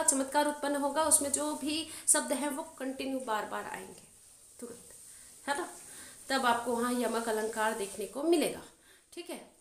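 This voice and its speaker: High-voiced woman teaching grammar, echoey room. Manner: explains patiently, checks in with the listener often; recites verse examples slowly and drawn out. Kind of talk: exam-prep lesson.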